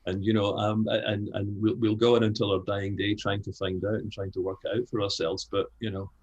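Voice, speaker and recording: An older Scottish man talks as an interview guest in a very low, husky voice. He is frank and animated, and he often restarts his sentences. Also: brisk, muffled recording. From Scotland. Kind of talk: conversational interview.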